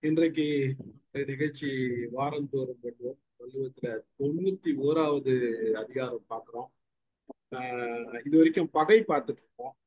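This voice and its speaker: A man's voice: mid-range voice, moderate pace, pauses often, a little mellow, dull audio. A man hosting an online group discussion, giving a loose, rambling explanation with lots of fillers. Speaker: host.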